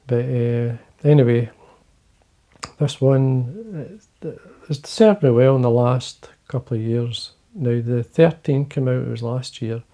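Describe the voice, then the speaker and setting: A Scottish fly-fishing video host talks quietly and casually to camera from his fly-tying desk, in a medium-pitched voice. He takes it slowly, rambling along with fillers and restarts.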